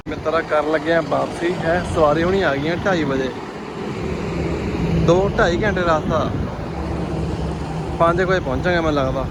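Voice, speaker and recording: Chatty driver over loud road noise. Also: male voice, on the high side. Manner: chatty, easygoing, addresses viewers as friends. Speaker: taxi driver vlogger. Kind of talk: casual vlog chat. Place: in and around a car outdoors.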